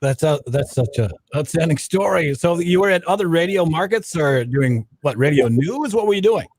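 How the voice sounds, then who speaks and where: A man's voice: fairly high pitch, animated, normal speed, darkish tone, a little hiss or hum. A man hosting a casual radio interview in an enthusiastic, fan-like manner.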